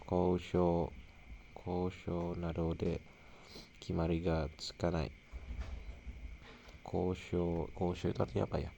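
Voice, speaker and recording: A young Indonesian man with a low, gravelly voice and a dark, mellow tone reads a novel aloud to himself. He works through the Japanese with an Indonesian accent, thinking aloud, trailing off and repeating words. A faint room hum sits behind him. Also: flat delivery, slow, pauses often, highs cut off. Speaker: language learner. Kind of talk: reading a novel aloud and musing.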